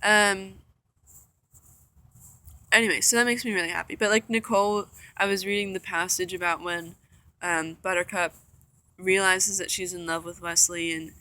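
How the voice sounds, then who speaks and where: Chatty young woman with a bright voice. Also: on the low side, steady tone, normal speed, long pauses. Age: young adult. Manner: chatty, rambling, full of "like" and "um". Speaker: vlogger. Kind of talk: casual storytelling vlog. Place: indoor room.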